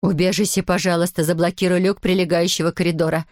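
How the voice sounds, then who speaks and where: A woman voicing a caring older female guardian who speaks slowly and reassuringly. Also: lowish voice, flat delivery, a little mellow, no echo, clean studio sound, close to an everyday voice. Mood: calm.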